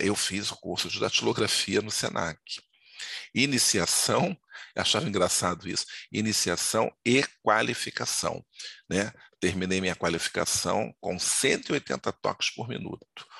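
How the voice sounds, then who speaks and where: A man's voice: low-pitched, vocal fry, bright, forceful tone, husky, dry recording. An older man with a Brazilian Portuguese accent, giving a casual grammar lesson in a chatty, digressive way that keeps asking for agreement. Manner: chatty, digressive, frequent tag questions. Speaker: Portuguese teacher.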